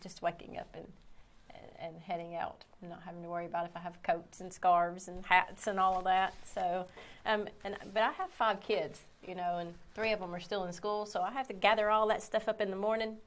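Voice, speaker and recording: A woman's voice: fairly low pitch, little pitch movement, brisk. Congested woman co-hosting a morning show. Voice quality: nasal, stuffed-up. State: congested with a cold. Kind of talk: casual co-hosted morning chat.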